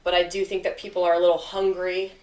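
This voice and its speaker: A woman hosting a podcast in an easygoing, enthusiastic chat. Her voice sits a bit low and sounds roomy and a little distant from the mic. She talks freely and laughs often. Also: little pitch movement, fast talker, a little mellow. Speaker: podcast host. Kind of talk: casual interview chat.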